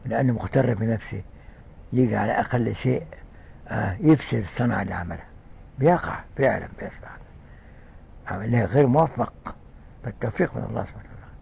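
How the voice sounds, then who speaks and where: Older man, Egyptian accent, religious lesson, halting conversational delivery, dull muffled recording. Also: on the low side, vocal fry, slightly rough. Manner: conversational preaching with frequent fillers and restarts. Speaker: religious scholar.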